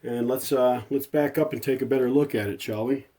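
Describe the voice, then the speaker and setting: Fairly quick yet steady, this mellow mid-range voice belongs to a middle-aged man showing off a repair. He chats in a homespun, casual style, reasoning aloud while working hands-on in the workshop.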